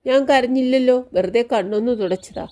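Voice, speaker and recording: A woman voicing a caring grown niece who gently coaxes and lightly scolds her sick uncle. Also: fairly high pitch, fairly quick, close to an everyday voice. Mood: reassuring.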